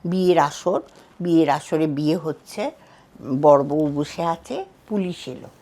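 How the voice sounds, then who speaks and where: Older woman, podcast guest, actress, animated storyteller, acts out dialogue. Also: deep voice, measured pace. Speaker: actress and dubbing artist. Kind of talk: casual podcast chat.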